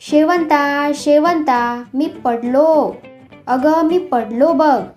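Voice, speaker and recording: A hot-tempered, mustached village farmer bellows and fusses in a cartoon storybook, voiced by a woman narrator. The voice sits high and is shouted loud. Soft music plays faintly behind. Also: measured pace. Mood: panicked. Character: angry middle-aged male farmer, mustached.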